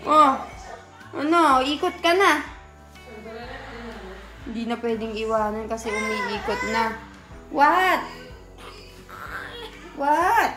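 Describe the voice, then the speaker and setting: A young woman vlogging casually about cooking and her baby son, who switches into a high sing-song baby-talk voice to coax him. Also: steady tone, measured pace, pauses often, music in the background. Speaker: vlogger and mother. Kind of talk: casual family vlog chat.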